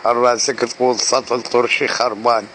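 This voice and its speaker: A man's voice: medium pitch, level tone, normal speed, a bit bright, a little hiss or hum, poor audio. A man with a Deir ez-Zor Syrian Arabic accent hurling mocking, abusive taunts in a comic voice message. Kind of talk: insult comedy voice message.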